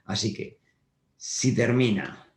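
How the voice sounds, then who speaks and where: Guy from teaching kids grammar, lowish voice, patient, keeps checking in, echoey room. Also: big pitch swings, takes it slowly. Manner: patient, repeats points with frequent check-ins. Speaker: primary school teacher. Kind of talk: whiteboard grammar lesson for children. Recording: roomy echo.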